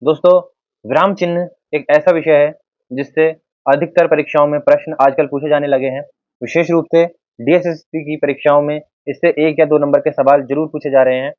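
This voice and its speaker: A man's voice: a little high, dry recording. A man teaching a Hindi grammar lesson over slides, who explains with everyday examples and speaks to viewers as friends. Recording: dry, narrow phone-like sound.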